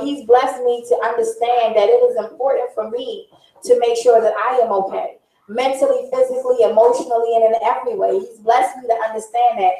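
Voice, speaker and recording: A woman's voice: a little high, warm tone, roomy sound, distant mic, poor audio. A middle-aged woman hosting a talk show, talking earnestly and confidingly in a casual monologue, often circling back and repeating herself.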